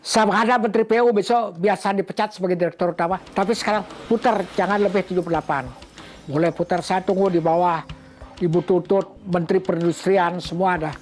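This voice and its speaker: A man's voice: high voice, fairly even intonation, a little fast, faint music behind. An older man from Bali, telling a personal story in an interview and acting out the voices and counts of others. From Bali, Indonesia.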